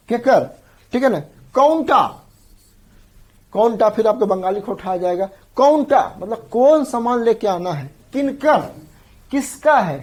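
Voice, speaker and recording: Husky male teacher drilling terms. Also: sits high, a little mellow. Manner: repeats terms drill-style, often checks in with the class. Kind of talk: exam-prep grammar lecture.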